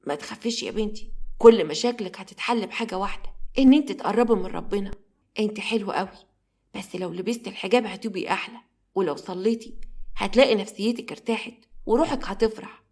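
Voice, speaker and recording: A kind, pious old Egyptian nanny, as a woman storyteller puts her on, lower and quieter than the narration. She speaks in a soft, motherly way, quick but gentle. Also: steady tone, close to an everyday voice. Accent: Egyptian Arabic.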